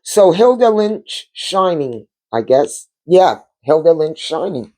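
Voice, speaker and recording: A woman's voice: low voice, sing-song, slow, mellow. A woman hosting her own vlog from her couch at home, talking in a spiritual, heartfelt way and repeating words for emphasis. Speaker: channel host. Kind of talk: casual spiritual vlog chat.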